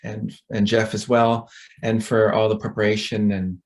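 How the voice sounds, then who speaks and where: A middle-aged man with a fairly low voice gives a conference talk over a video call. He is chatty and rambling, with a self-deprecating manner. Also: level tone, normal speed, creaky, a little mellow. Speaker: conference speaker.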